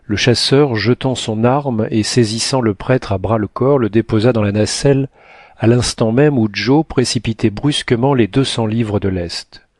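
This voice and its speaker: A man narrating an adventure novel as a scripted audiobook, reading in a steady, measured way. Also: lowish voice, dry recording.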